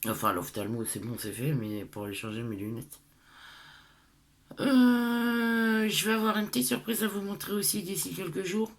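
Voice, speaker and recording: A middle-aged woman chats informally, as if to online followers. Her s sounds come out lisped. She rambles and hesitates, often gently mocking herself, in a mid-pitched voice. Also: animated, normal speed. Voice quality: lisp on s sounds. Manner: hesitant, rambling, self-deprecating. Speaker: craft tutorial vlogger. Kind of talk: casual chat to followers.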